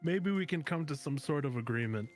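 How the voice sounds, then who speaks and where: A man's voice: on the high side, expressive, brisk, faint music behind. A man talking casually, partly in character, as a player in a tabletop game.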